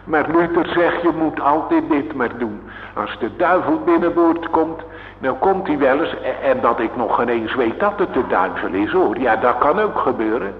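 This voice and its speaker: A man preaching a sermon, drawing words out slowly, crying out high and then dropping to a hush. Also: lively intonation. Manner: fervent, drawn-out preaching with rising cries and hushed falls. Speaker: pastor. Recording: echoey hall, tinny lo-fi.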